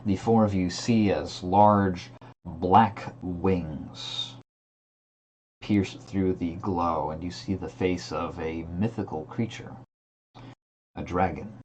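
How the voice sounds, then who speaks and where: A man's voice: low voice, darkish tone, slight background noise, poor audio. A man working as game master, narrating a fantasy tabletop game in an improvised, descriptive way.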